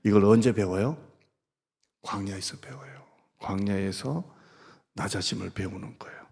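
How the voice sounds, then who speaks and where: A man's voice: fairly low pitch, normal speed, creaky, a little mellow, slightly rough. A male pastor preaching a sermon, leading his congregation through Scripture readings and call-and-response, and telling stories in a humorous, conversational way. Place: church sanctuary. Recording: reverberant church hall.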